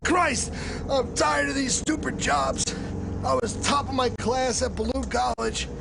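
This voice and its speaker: A man's voice: extremely high pitch, lively intonation, unhurried, gravelly, heavily acted. A man voicing a foul-mouthed, bitter, washed-up male clown who grumbles and curses. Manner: crude, grumbling, cursing. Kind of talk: comedy sketch acting. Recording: noisy recording.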